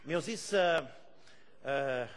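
A male pastor delivers a fervent sermon in a voice pitched high for a man. He bursts into loud shouts of praise, then sinks to soft, low-key storytelling. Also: lively intonation.

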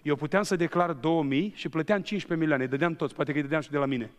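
Predicator bărbat, ecou lung de sală. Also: male voice, on the high side. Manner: lively storyteller, addressing the congregation directly. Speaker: preacher. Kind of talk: sermon with personal testimony. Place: church hall. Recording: long church-hall reverb.

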